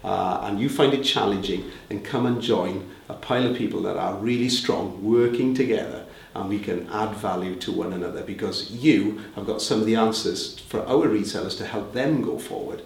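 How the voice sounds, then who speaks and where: Heard from a distant mic in a roomy space with faint ambience, a Welsh man heading a reseller group answers interview questions in a chatty way, with fillers and restarts. His voice is on the low side and gravelly, at a moderate pace with few pauses.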